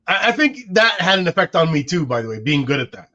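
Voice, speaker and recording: Talking fast with big pitch swings, a man with a slightly high, sharp-toned voice muses aloud as co-host of a casual podcast, restarting frequently. He is in his forties and his first language is Arabic. The recording has a dull, lo-fi sound.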